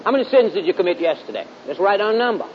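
A man's voice: expressive, racing. A middle-aged man with a Southern US accent preaching in a folksy, drawling storytelling style, repeating phrases for emphasis. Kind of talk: storytelling sermon. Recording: dull lo-fi recording with clear rumbling hiss.

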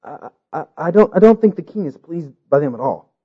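A man's voice: fairly high pitch, expressive, fairly quick, slightly rough. A man voicing a timid, sad royal messenger who stammers in a storybook reading. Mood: stammering. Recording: dull lo-fi recording.

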